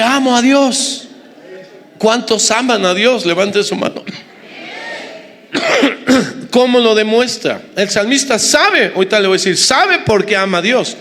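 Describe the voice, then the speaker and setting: Pastor, male, high-pitched, emphatic sermon with humorous asides, long hall reverb. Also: fairly bright tone. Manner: emphatic, repetitive, joking asides to the congregation. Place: church hall with congregation.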